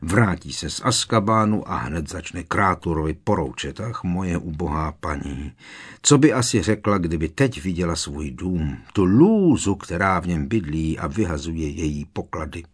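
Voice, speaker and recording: A man's voice: low voice, lively intonation, breathy edge. A man voicing a bitter, servile old male house-elf who mutters to himself, read as an audiobook character. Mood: muttering, resentful. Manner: muttering under his breath.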